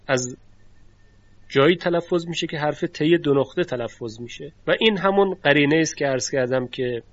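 A man's voice: a little high, no echo. Formal male lecturer demonstrating speech sounds. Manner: explanatory, demonstrates sounds aloud; formal, courteous teaching register. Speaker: teacher of Quranic recitation phonetics. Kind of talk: recorded lecture. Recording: dry, dull lo-fi recording.

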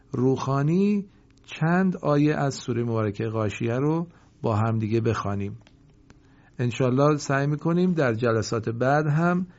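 A man teaching Quran reading in a recorded lesson, with a mid-pitched voice. He chants each example word slowly and melodically, then explains in brisk asides. The recording sounds dull and lo-fi. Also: a little mellow. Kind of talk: recorded reading lesson with repeat-after-me drills.

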